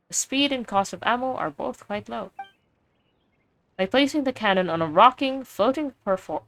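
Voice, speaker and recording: A woman voicing a calm, kindly older male weapon engineer as she reads game dialogue aloud, steady and explanatory with small slips. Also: mid-range voice, natural voice, low-quality recording.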